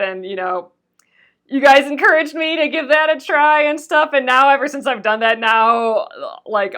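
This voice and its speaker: A woman's voice: on the high side, fairly bright tone. A woman hosting a live sewing stream, chatting casually as she stitches, her voice strained and fading from a sore throat. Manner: chatty, rambling, often restarts and laughs. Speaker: crafting livestream host.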